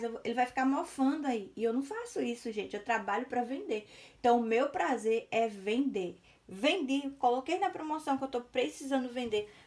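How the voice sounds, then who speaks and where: A middle-aged Brazilian woman, a crochet artisan, talking frankly and with exasperation straight to her viewers in a casual vlog. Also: high-pitched. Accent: Brazilian Portuguese.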